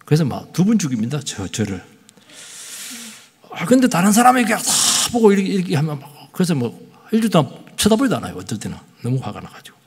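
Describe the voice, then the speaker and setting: A nasal male pastor in his fifties preaches with an excitable, swooping delivery that climbs into loud bursts. His voice is gravelly and husky, and it rings out with a long hall reverb. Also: fairly high pitch. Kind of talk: sermon. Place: church sanctuary.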